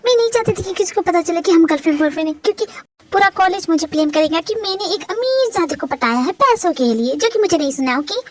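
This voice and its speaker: A woman's voice: very high-pitched, animated, fast talker. A woman voicing a sassy college heroine. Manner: sassy, teasing. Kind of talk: amateur fan dub.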